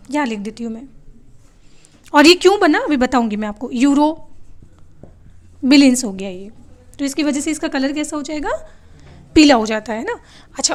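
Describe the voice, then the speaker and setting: A woman teaching a biology class, who asks her students questions and answers them herself, often switching to English terms. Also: high voice. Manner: calls her students "beta" and tells them to write things down. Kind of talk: classroom lecture.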